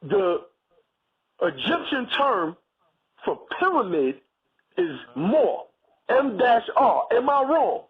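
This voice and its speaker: A man's voice: very high-pitched, sing-song, slow, long pauses, slightly rough. A man calling into a radio debate, arguing his point and repeating himself to get a word in. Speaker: caller. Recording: tinny phone line.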